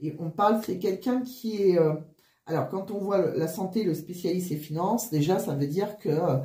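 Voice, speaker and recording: Woman card reader w flu, wheezy n out of breath, mellow, hesitant, roomy echo. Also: on the low side, moderate pace. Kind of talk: casual spoken card reading.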